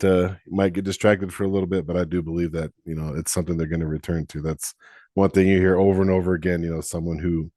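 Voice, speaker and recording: A man's voice: sits low, warm tone, no echo, studio quality. A man hosting a podcast interview, chatty and often restarting his questions mid-sentence. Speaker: podcast host. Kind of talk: casual interview.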